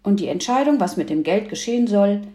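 A woman's voice: mid-range voice, lively intonation, brisk, mellow, lightly acted. A woman voicing a firm middle-aged uncle lecturing a child, in a roomy-sounding recording.

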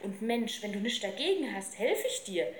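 A woman's voice: medium pitch, very animated, moderate pace, a little hiss or hum, lightly acted. A woman reading aloud, voicing a cheeky, slangy street boy. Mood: brash. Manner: brash, slangy, eager. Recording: roomy with faint ambience.

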